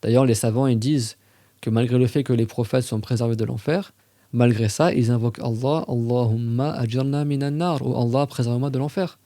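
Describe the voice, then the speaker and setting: Warm-toned man teaching casually. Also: medium pitch, steady tone, no echo. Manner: conversational, recites Arabic verses slowly and carefully. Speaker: religious teacher on a podcast. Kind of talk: casual explanatory lesson.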